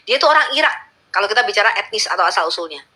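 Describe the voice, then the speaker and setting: A woman's voice: medium pitch, expressive, rapid-fire, bright, forceful tone. A woman arguing in a heated religious debate, insistent and lecturing, repeating her questions to press her point. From Indonesia. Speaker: debate guest.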